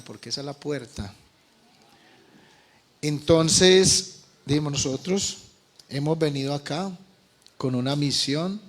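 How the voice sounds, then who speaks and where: A Colombian man preaching as a pastor, telling a testimony with passion, moving between quiet and loud. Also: on the high side. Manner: impassioned, swings from quiet to loud. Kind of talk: sermon testimony.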